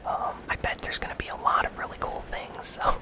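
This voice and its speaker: Over the sound of rain, a host delivers gaming news in ASMR style. The whisper is soft, breathy and unvoiced, and the delivery stays gentle, casual and unhurried.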